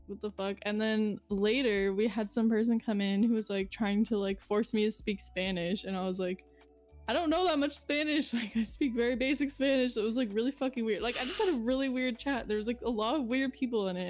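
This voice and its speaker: A woman's voice: a little high, fairly even intonation, fairly quick, hardly any pauses, darkish tone, faint music behind. Rambling young Canadian woman. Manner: rambling, heavy use of "like", laughs often. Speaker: podcast co-host and streamer. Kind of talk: casual chat.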